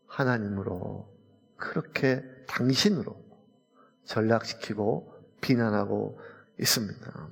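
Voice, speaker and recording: A man's voice: medium pitch, gravelly. A man, preaching a sermon as pastor. He talks in an earnest, conversational way and mixes in personal stories. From South Korea. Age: late 40s. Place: church sanctuary. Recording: reverberant church hall.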